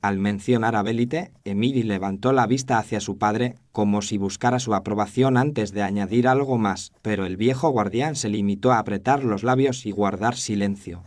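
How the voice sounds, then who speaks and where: Doctor Watson, voiced by a man, low-pitched narrator. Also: normal speed, few pauses, a little mellow, lightly acted. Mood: reflective. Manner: formal, descriptive. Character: observant, literary Victorian doctor recounting a mystery. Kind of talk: scripted story narration.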